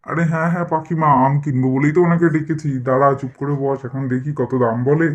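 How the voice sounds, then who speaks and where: A man's voice: a little high, steady tone, fast talker, dull audio, natural voice. A man voicing a village father who haggles impatiently over the price of mangoes. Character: stingy bargaining village father.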